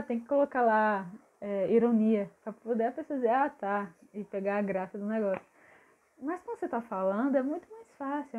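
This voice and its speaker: Chatty young woman, tinny phone-like sound. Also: fairly high pitch. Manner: chatty, lively, addresses viewers directly. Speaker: vlogger. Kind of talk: casual chat to camera.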